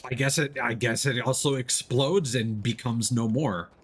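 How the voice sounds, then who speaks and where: A man with a husky, medium-pitched voice keeps a steady tone at a normal speed while streaming a video game. He talks through the game casually and easily as he plays, with game sounds behind him.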